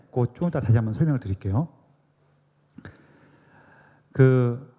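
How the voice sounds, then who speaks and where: Guy giving a church lecture, asks the room stuff then answers it, long hall reverb, kinda muffled lo-fi sound. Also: mid-range voice. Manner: asks the audience questions and answers them himself; acts out quoted speech, drops to a soft hush.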